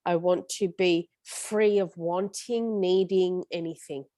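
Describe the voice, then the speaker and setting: A woman's voice: lowish voice, fairly even intonation, slow, mellow, no echo. Woman coaching a support group. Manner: earnest, coaching, stumbles over words. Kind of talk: casual group support session.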